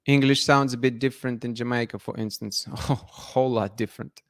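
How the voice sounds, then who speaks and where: A Russian channel host talks brisk and easygoing on a live stream, reading viewer comments and answering them with many restarts and laughs. His voice is mid-range with fairly even intonation, and there's no room sound.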